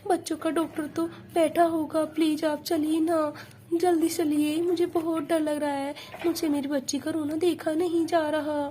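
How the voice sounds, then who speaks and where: A woman narrates a doll play story as a busy mother doll. Her voice is very high, motherly and hurried, with a faint hiss of background noise. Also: flat delivery, dark tone.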